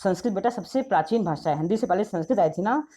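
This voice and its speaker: A middle-aged woman teaching young schoolchildren, talking briskly in a soft, mellow voice. She is patient, calls her pupils "beta" like a fond teacher, and goes over each point again and again. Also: medium pitch, lively intonation. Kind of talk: explaining grammar to schoolchildren.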